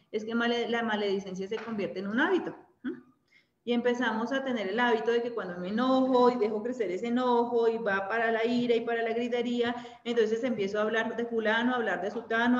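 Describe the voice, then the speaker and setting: A woman's voice: fairly high pitch, a little hiss or hum. A woman with a Colombian accent leading a women's Bible study, speaking conversationally and often checking in with her listeners. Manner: conversational, ends points with tag questions. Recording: echoey room, dull lo-fi sound.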